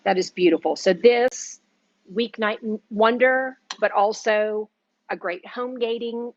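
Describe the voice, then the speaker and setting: A woman's voice: mid-range voice, no room sound. Woman cooking live in a shop kitchen, chatty, dry close mic, kinda dull lo-fi sound. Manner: chatty, eats and talks at once. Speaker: cooking class host. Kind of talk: casual live cooking demo.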